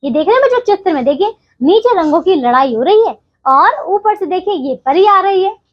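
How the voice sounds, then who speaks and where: A woman teacher walks children through a textbook story, checking in with them often. Her voice is high and very lively in pitch. The recording sounds somewhat dull and lo-fi. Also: fairly quick. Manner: explaining, frequent check-ins with the children.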